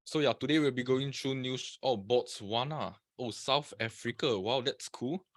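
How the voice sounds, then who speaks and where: A man's voice: mid-range voice, normal speed, no echo. Male webinar presenter from Singapore, casual and chatty, greets viewers by name, dry computer-mic sound. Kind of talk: live webinar talk.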